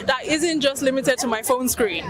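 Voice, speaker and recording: High-voiced young Nigerian woman, relaxed. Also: moderate pace. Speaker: model and 3D artist. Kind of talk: interview answers. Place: outdoor fashion event. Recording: crowd chatter at outdoor event.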